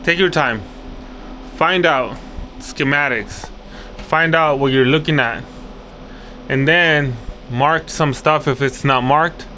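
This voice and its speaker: Inside an office job site, a man who installs access control and hosts videos explains his hands-on work without a script, thinking aloud and repeating his words often. His voice is a little high, slow, pushed, and bright, with a little hiss or hum present.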